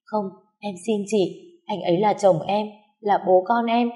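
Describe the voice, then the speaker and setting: A woman's voice: medium pitch, steady tone, a little slow, dark tone, pitched above the performer's own voice, natural voice. A woman voicing a meek, heartbroken young mother. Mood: pleading. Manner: pleading, tearful.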